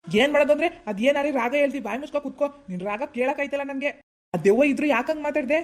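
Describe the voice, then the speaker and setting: A man's voice: very high voice, very fast. A voice actor playing a blunt, practical village husband in a cartoon who lectures and nags his wife. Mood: scolding. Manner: nagging, lecturing. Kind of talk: Kannada cartoon voice acting.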